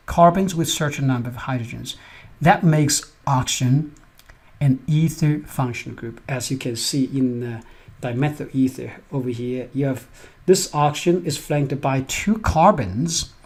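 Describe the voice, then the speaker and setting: Husky-voiced man giving a chemistry lecture. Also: mid-range voice, darkish tone. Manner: explains step by step, often asks "right?". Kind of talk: recorded lecture over slides.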